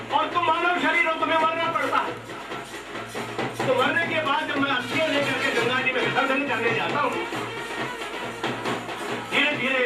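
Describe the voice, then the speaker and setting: A man voicing the god Shiva as a devoted eternal husband, speaking with earnest, repetitive phrasing in devotional storytelling. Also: very high-pitched. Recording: echoey hall, distant mic, noisy.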